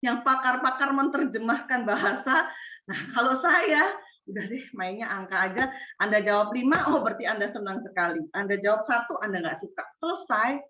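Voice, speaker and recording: Woman lecturer, expressive, fairly high voice, echoey room, far from mic, dull sound. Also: brisk. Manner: expressive, acts out example answers, asks the class questions. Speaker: university lecturer. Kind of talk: lecture to students.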